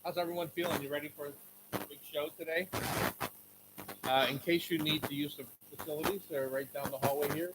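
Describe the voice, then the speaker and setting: A man hosting a live radio show from a kitchen before an audience, chatting and joking in a relaxed way. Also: on the high side, brisk, very noisy.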